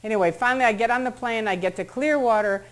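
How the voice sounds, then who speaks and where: A woman's voice: on the high side, fast, poor audio. A middle-aged American woman telling a personal story to an audience at a public talk, acting out what others said in shifting voices. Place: meeting room before an audience.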